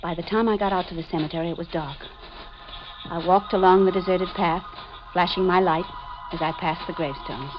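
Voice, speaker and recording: A woman with a fairly low, near-everyday voice speaks rather quickly, acting the part of a frightened, desperate woman narrating her own mystery in dramatic 1940s radio style. The mood is tense and haunted. The recording sounds muffled, like 1940s radio, with dramatic music behind her.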